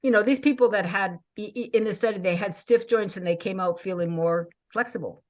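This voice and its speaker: A woman in her sixties hosting a casual chat, talking with bright enthusiasm and frequent laughs. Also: medium pitch, fairly quick. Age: 60s. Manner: enthusiastic, chatty, laughs often.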